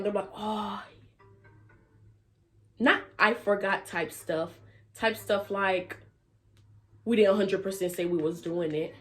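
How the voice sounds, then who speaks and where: A young woman tells a casual storytime straight to her viewers. She keeps it animated, leaping up in pitch whenever she acts out what people said, at a middle pitch for a woman. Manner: animated, acts out quotes with big pitch jumps and laughter. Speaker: vlogger.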